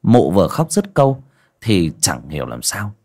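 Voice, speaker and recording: A man narrating a village ghost story on a livestream, pausing and repeating words as he goes. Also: deep voice, huge pitch swings, a little mellow. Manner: hesitant, repeats words and restarts.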